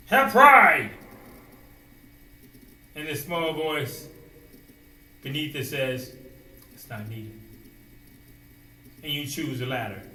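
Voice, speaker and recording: A man preaching a sermon, asking rhetorical questions and dropping suddenly to a quiet voice. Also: a little high, distant mic. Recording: roomy echo, voice away from the mic, faint ambience.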